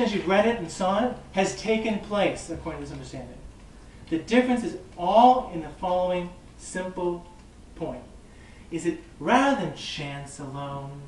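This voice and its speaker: A man, a rabbi, giving an informal classroom lecture, lively and conversational, joking with and quizzing his listeners. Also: high-pitched. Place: classroom or study hall. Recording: echoey room, mic far off, faint background hiss.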